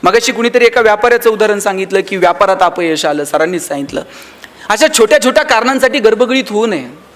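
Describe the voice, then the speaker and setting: High-voiced man giving a speech. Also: expressive, fast. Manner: storytelling, acts out quoted voices, addresses audience members by name. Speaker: motivational speaker. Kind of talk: humorous motivational speech to a live audience.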